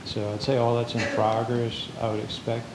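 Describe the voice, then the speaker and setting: A man giving a calm, matter-of-fact road report as a highway engineer at a public meeting. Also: normal speed. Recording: echoey noisy meeting room.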